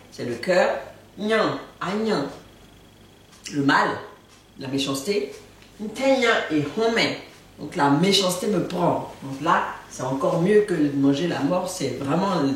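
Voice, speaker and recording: A woman with a low, lively voice gives a relaxed language lesson, playful and joking, repeating words for her learners. She sits some way from the mic in a strongly echoing room, with faint noise underneath. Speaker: language teacher. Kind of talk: casual video lesson. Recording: very echoey room, far from mic.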